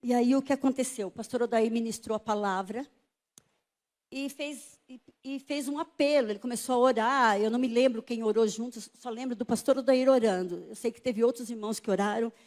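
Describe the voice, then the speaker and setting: A woman's voice: a little high, a little fast, darkish tone. An older woman giving an emotional church testimony, pleading and tearful as she retells conversations, speaking in a church.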